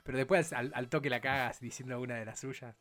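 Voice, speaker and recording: A man with a Rioplatense accent co-hosting a casual podcast chat, talking in halting, chatty bursts. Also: mid-range voice, steady tone, a bit bright, faint music behind. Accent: Rioplatense Spanish. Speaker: podcast co-host.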